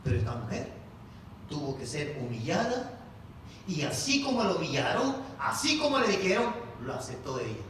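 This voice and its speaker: A man's voice: fairly high pitch, sing-song, normal speed, a bit bright, slight background noise. A male pastor preaching a sermon to his congregation, firing off rhetorical questions and calling listeners "brother". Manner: addresses congregation as "hermano". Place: large church hall. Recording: echoey hall, mic at a distance.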